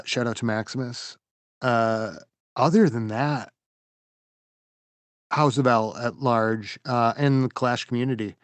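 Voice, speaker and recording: A man co-hosting a gaming podcast, chatting casually and trailing off as he rambles through shout-outs. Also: fairly low pitch, vocal fry, dry recording. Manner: relaxed, rambling, trails off softly. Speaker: podcast co-host. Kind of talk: casual chat.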